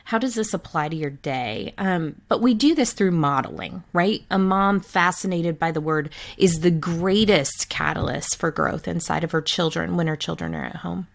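A woman's voice: fairly low pitch, moderate pace, vocal fry, few pauses. A woman author answering interview questions in an earnest manner. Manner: earnest, fluent with some restarts. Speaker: author guest.

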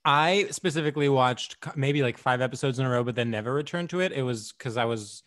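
A man's voice: medium pitch, fast talker, a bit bright. A man co-hosting a podcast in casual comedic chat, wry and self-deprecating. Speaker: podcast co-host.

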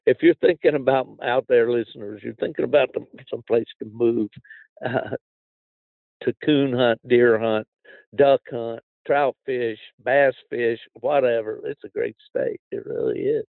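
A man's voice: medium pitch, steady tone, measured pace, vocal fry, dry recording, narrow, tinny audio. An older man hosts a casual outdoors podcast in a folksy, plain-spoken way. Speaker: podcast host.

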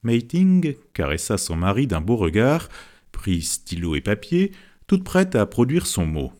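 Man, audiobook narrator, expressive, lively pitch, scripted. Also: a little slow.

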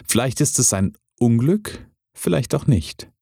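A man voicing a calm, wise old farmer who speaks in a measured, unhurried way. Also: mid-range voice, gravelly, breathy edge, dry recording, studio quality, voice pushed up, exaggerated voice.

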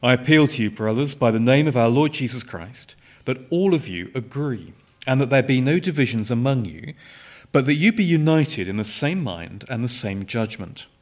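A man giving a measured, solemn Bible reading during a church service. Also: medium pitch, lively intonation. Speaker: scripture reader.

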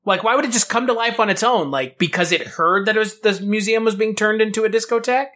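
In fast, fairly bright, high-voiced speech, this podcast co-host trades casual comic banter about an old TV show, riffing incredulously and swearing now and then.

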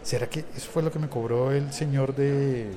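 Man, podcast host, mellow dark tone, chatty storytelling, teasing. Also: mid-range voice, steady tone, normal speed, a little hiss or hum. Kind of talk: casual podcast chat.

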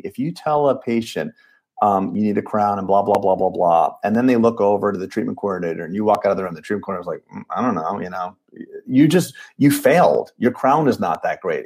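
Man, late forties, husky, low-pitched, emphatic, podcast guest. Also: darkish tone. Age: 40s. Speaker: dentist guest. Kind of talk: casual podcast conversation.

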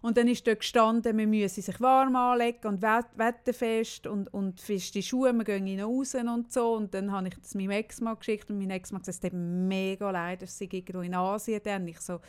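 Animated Swiss German woman storyteller. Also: medium pitch, brisk, hardly any pauses, clean tone. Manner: animated storyteller, often tags lines with "oder?". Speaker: podcast co-host telling a story. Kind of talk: casual chat.

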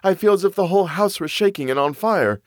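A man's voice: high voice, lively intonation, fast, no room sound, clean studio sound, voice pushed up. A man voicing an anxious, guilt-ridden wicked mother in a fairy tale, fretful and dramatic. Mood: terrified.

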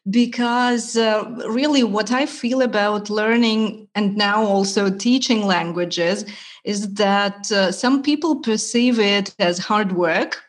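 A Ukrainian language teacher whose first languages are Russian and Ukrainian is a guest on a podcast interview. Her mid-range voice carries a measured, explanatory manner with frequent pauses.

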